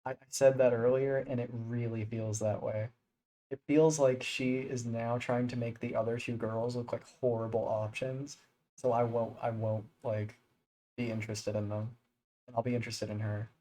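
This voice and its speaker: A man streaming a visual novel, reacting with excited, profanity-laced rambling. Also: mid-range voice, normal speed, rough recording. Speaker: gaming streamer.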